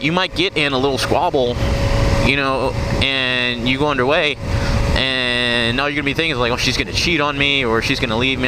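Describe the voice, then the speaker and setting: A young man giving casual, rambling advice as he rides, with a slight lisp and puffy-cheeked speech as after wisdom tooth removal. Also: medium pitch. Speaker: motorcycle vlogger; navy submarine sonarman. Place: outdoors, riding a motorcycle at night. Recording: clear vehicle and road noise. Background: engine, traffic and outdoor noise.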